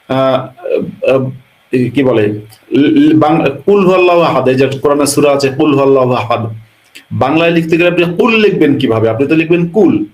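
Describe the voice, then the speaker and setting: Guy explaining stuff with lots of rhetorical questions, a bit high, echoey room. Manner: lecturing, piles up rhetorical questions. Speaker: Islamic scholar answering questions. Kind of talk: explanatory answer in a Q&A. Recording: roomy echo.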